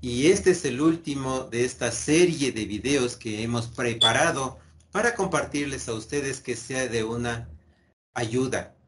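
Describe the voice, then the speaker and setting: An earnest man presents a mental health lesson to his online audience. His voice sits at a middle pitch, and he explains carefully, pausing and correcting himself as he goes.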